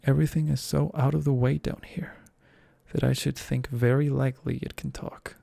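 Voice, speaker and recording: A man softly reading a storybook takes on the voice of an earnest, chatty young girl who is polite and keen to please. His whispered delivery is low-key and mellow with a gravelly edge, recorded dry and close to the mic. It comes out flat and soft-spoken at a normal speed, with no echo.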